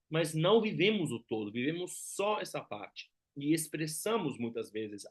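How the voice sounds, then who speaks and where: A man's voice: a little high, fairly bright tone, husky. A man from Germany with a German accent, giving an explanatory lecture as a teacher and often checking in with short tag questions. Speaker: Enneagram teacher.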